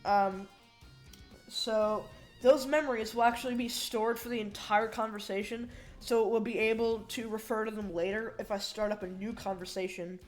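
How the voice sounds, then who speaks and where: A woman's voice: on the high side, steady tone, normal speed, darkish tone, soft background music. Young-sounding woman with braces, slightly slurred S's. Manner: informal, rambling, thinking aloud. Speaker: hobbyist programmer demonstrating a project. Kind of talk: casual unscripted tech demo narration.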